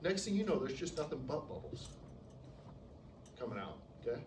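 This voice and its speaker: A man's voice: on the high side, sing-song, normal speed. A man teaches a class in a loose, chatty way, tossing in "okay?" after nearly every point. He is recorded from across a roomy classroom, with noise under his voice and a distant, echoey sound. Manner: casual, peppers sentences with "okay?", acts out patients. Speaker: respiratory therapy instructor. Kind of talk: classroom lecture.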